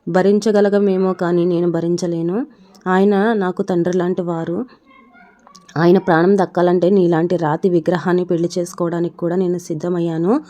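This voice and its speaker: A woman's voice: fairly low pitch, little pitch movement, moderate pace, dark tone, lo-fi sound, close to an everyday voice. A woman reading the lines of a fierce young village woman, fiery and shaking with anger. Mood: resolute.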